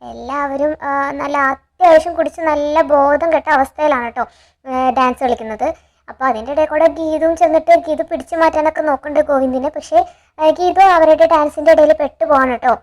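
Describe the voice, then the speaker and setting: A woman's voice: high voice, darkish tone. A woman retelling a TV serial episode in a chatty, eager way, quoting the characters' lines as she goes. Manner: chatty, tags sentences with a friendly filler; quick, eager storytelling with quoted dialogue. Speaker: TV serial recap narrator.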